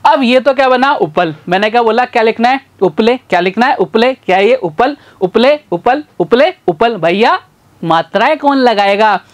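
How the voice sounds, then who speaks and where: A man teaching a literacy lesson in a folksy, repetitive call-and-response way. He sounds out syllables slowly and calls his learners brother and sir. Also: very high-pitched, animated. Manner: slow, sounds out syllables one by one.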